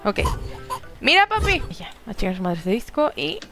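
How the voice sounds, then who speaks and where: A Mexican woman commenting casually on her gameplay, excitable and swearing freely, cooing pet names at an in-game baby. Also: lowish voice, brisk, soft background music. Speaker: gameplay streamer.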